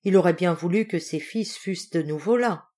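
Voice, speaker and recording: A woman reading a fairy tale aloud, expressive and lilting. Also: fairly low pitch, moderate pace. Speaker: storyteller.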